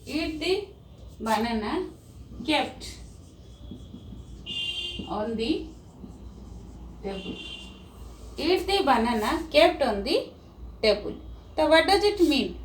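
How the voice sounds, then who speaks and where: A woman's voice: high voice, big pitch swings, slow, long pauses. A woman with an Indian English accent teaching a grammar lesson to children, spelling words out letter by letter. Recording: roomy, distant mic, faint background hum.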